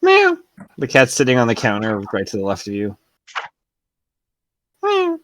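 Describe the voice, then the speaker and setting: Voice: medium pitch, fairly even intonation, fast talker. A game master running a tabletop role-playing game, mixing casual banter with improvised scene narration.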